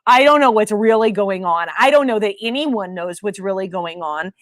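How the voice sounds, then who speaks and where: A woman's voice: medium pitch, normal speed, no echo, clean studio sound. A woman co-hosting a casual podcast chat, talkative and exasperated, filling her talk with "like". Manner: chatty, lots of "like" fillers, exasperated. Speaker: podcast co-host.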